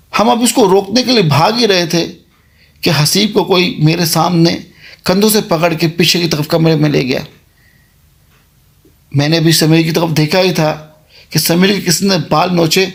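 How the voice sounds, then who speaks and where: A man's voice: fairly high pitch, vocal fry. A man narrating a first-person horror story in a plain, conversational recounting manner.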